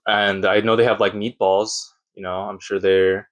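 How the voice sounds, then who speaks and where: Man, casual vlog, nervous rambling, self-deprecating, low voice, sparse home room. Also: little pitch movement, normal speed, dull audio. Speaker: YouTuber and streamer.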